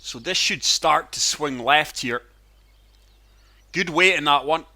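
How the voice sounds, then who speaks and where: Hosting his gaming channel, a man with a chesty, wheezy cold offers casual commentary while playing a golf video game. His voice sits a little high and sounds bright and pushed, and he takes his time.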